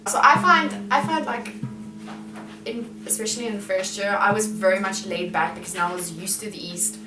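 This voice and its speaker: A young South African woman co-hosts a casual vlog, with a mid-range voice and quick, playful interjections. The sound is roomy and echoey, with the mic set back from her and music in the background. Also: mid-range voice, recorded from a distance. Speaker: vlog co-host. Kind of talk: casual chat.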